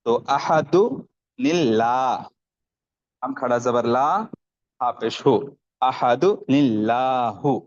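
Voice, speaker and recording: This online Quran lesson is led by a man with a mid-range, slightly mellow voice. He sounds out letters and vowel marks one syllable at a time, slowly and deliberately, pausing occasionally to explain a rule briefly. The audio is muffled and lo-fi.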